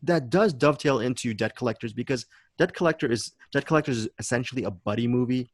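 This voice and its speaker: A man's voice: mid-range voice, quick pace, no echo. A man hosting a film podcast, chatting enthusiastically about a movie and often repeating words as he searches for phrasing. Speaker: podcast host.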